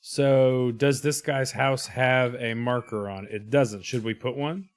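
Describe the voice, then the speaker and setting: A man's voice: mid-range voice, steady tone, unhurried. A man playing a co-op game, chatting casually and reading his dialogue choices aloud. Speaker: co-op game player.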